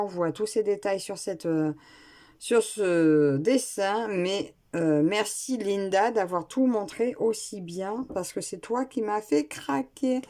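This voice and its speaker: A woman's voice: medium pitch, mellow. A woman chatting casually while unboxing a craft kit at home, talking with hesitations and restarts into a nearby camera mic. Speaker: craft vlogger. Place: at home, indoors.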